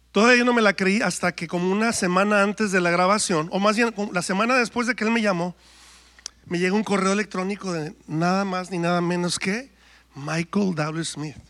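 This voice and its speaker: A man's voice: high voice, a bit bright. A man, a worship singer telling his story and preaching in church, acting out quoted dialogue. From Mexico. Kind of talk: testimony and sermon.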